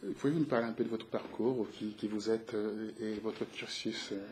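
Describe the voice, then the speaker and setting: A man's voice: fairly low pitch, steady tone, moderate pace, a little mellow, a little hiss or hum. A man hosting a web TV interview, asking loosely phrased questions and often repeating his words.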